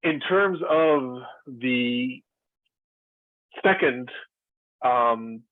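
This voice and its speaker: Over tinny, dry video-call audio with no echo, an Israeli man who used to lecture holds a long, earnest discussion, pausing with fillers and restarting often. He has a mid-range, animated voice and speaks extremely slowly.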